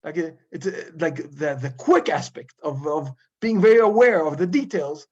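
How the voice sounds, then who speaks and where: A man teaching a Torah class as a rabbi in an informal lecture, halting and searching for his words. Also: on the high side, darkish tone. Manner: halting, searching for English words with frequent pauses. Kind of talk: informal study-group lecture. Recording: dull lo-fi recording.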